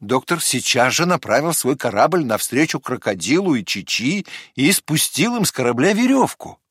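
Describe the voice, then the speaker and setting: A man reading a children's storybook aloud with expressive, animated storytelling. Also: medium pitch, moderate pace, breathy edge, dry recording, clean studio sound. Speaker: narrator.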